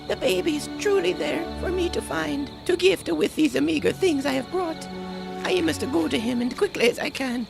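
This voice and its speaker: An actress voicing Befana, a weary, devout old woman who speaks haltingly in a creaky voice. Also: sits high. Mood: elated. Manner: halting, stammering speech. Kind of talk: audio drama acting. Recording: music under the voice.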